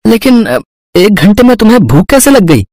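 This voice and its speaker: An actor voicing a poor young husband in a cartoon story who runs a small roadside eatery, anxious and pleading. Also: male voice, sits high, sing-song, normal speed, a little mellow, no room sound. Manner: pleading, worried.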